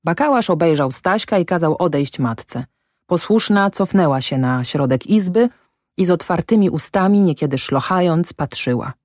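Low-voiced woman reading a story. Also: expressive, moderate pace, a little mellow, no room sound, clean studio sound. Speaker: audiobook reader. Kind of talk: scripted narration.

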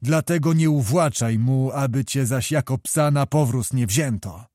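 A man's voice: mid-range voice, unhurried, warm tone, no room sound, clean studio sound, lightly acted. A man voicing a young, hot-tempered male knight who speaks sternly and with emphasis, read as an audiobook character voice. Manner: stern, presses words with emphasis.

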